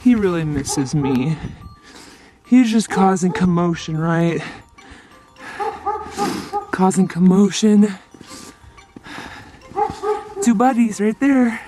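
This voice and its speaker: A woman's voice: on the low side, animated, slow, long pauses, over music. A woman chatting casually as she films a vlog as a dog owner.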